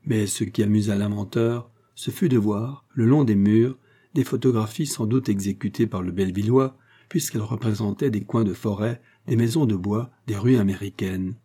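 A man reading a classic novel aloud as audiobook narrator, measured and even. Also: fairly low pitch, breathy edge. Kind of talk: scripted narration.

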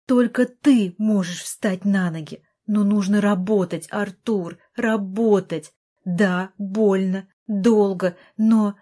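A woman voicing an exasperated older sister, a doctor, who pleads and shouts at her brother in an audiobook. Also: mid-range voice, slow pace. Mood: desperate.

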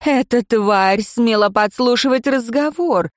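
A woman's voice: fairly high pitch, very animated, a little slow, darkish tone, no echo, clean studio sound, voice pushed up. A woman voicing a cruel, haughty demon noblewoman in an audiobook, hissing and contemptuous. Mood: hissing, scornful. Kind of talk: audiobook narration.

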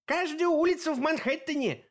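Grasping blind old hag woman, very high piercing wail, loud and strained, as a man puts her on. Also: brisk. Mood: wailing, greedy. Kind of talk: audiobook reading.

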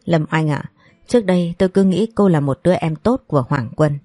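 A woman's voice: fairly low pitch, a little fast, dark tone, dry recording, clean studio sound, soft background music, lightly acted. Composed young woman, read by a woman. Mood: firm. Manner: composed, firm. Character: calm, dignified young woman standing firm.

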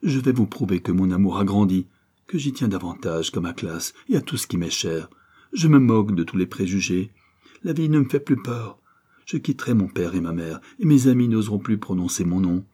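A man's voice: lowish voice, lively intonation, a little fast, mellow, husky. A man reading an audiobook, voicing a passionate young bourgeois woman in an impassioned, declamatory way. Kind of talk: audiobook character voice.

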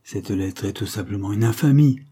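A man reading the part of an indignant old Breton nobleman uncle in a storybook, with an emphatic, scolding delivery and a low, husky voice. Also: normal speed, mellow.

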